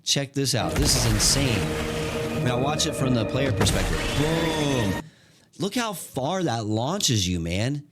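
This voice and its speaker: A man giving casual, excited gameplay commentary, full of slang, fillers and restarts. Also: mid-range voice, unhurried, over music. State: hiccuping. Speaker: gaming content creator.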